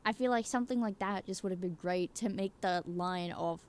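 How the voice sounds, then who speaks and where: A woman with a mid-range voice speaks briskly as a YouTuber sharing her game opinions. Her commentary is casual and rambling yet emphatic, with casual swearing and check-ins with the listener.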